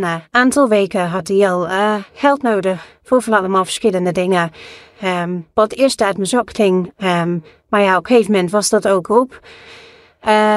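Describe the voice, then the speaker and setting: A woman in her early thirties gives a hesitant personal testimony, pausing on fillers, her voice disguised with AI. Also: mid-range voice, dry recording, studio quality. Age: early 30s. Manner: hesitant, many fillers and restarts. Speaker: anonymous interviewee.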